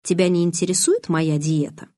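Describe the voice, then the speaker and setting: A woman's voice: lowish voice, steady tone, moderate pace, dark tone, dry recording, close to an everyday voice. A woman reading an audiobook, voicing an aloof teenage vampire boy with a dry, sardonic, restrained manner. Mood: cool, mocking.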